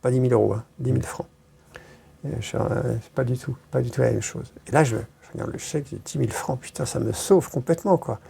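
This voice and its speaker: With a bass voice that is brisk, creaky, mellow and slightly rough, a woman rambles through casual stories in an interview. She hesitates often and uses crude slang.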